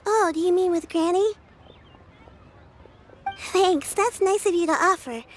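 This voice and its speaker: A woman's voice: very high-pitched, unhurried, soft background music. A woman voicing a polite, caring and resilient young child in a video game. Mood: earnest, weary.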